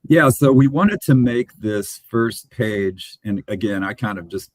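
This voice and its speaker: A man, a web designer, explaining his work on a video call in a relaxed, hesitant way with many fillers. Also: fairly low pitch, a little slow, no echo.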